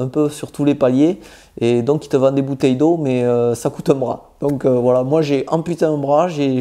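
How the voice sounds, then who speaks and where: A man's voice: mid-range voice, dark tone. A man with a southwestern French accent giving casual, informal travel tips straight to the viewer, with many hesitations as he talks. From southwest France. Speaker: travel vlogger.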